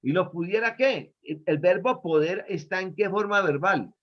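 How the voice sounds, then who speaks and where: A man with a high voice teaches a Bible study as pastor, stopping often to ask his students questions about grammar. The recording sounds dull and lo-fi. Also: normal speed. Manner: didactic, quizzes listeners on verb tenses.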